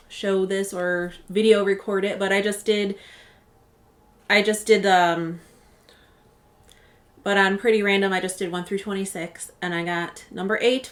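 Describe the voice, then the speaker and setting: Chatty woman beauty vlogger. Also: medium pitch. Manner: chatty, self-correcting, rambling asides. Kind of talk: casual product walkthrough.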